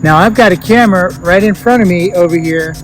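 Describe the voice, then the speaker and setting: A man with a slightly raised voice, talking in a hushed, coaxing way. He hosts a ghost-hunting vlog outdoors in a cemetery at night. Faint music plays behind him. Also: sits high, a little fast, low-quality recording. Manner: hushed, coaxing, talks to spirits. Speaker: paranormal investigator host. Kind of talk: casual vlog narration.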